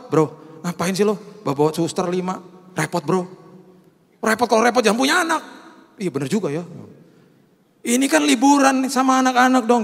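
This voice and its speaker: A middle-aged male pastor, telling animated stories in a sermon and mixing in English phrases. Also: very high-pitched, gravelly, long reverb tail.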